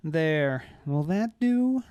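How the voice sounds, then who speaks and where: A man's voice: mid-range voice, sing-song, normal speed, no room sound, lo-fi sound. A man voicing a mad woman mage who talks in a chilling, sing-song, playful way. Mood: menacing sweetness.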